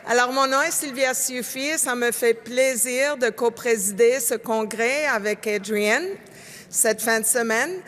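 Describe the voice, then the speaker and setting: A woman co-chairing a convention, greeting the floor in an unhurried, friendly manner. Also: fairly high pitch, fairly bright tone. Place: large convention hall. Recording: long reverb of a large hall.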